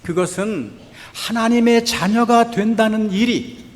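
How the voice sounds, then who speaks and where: Korean pastor guy preaching, kinda high voice, long echo like a big church hall, asks the people stuff a lot. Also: a little slow. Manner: earnest, asks the congregation questions. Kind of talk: sermon. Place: church sanctuary.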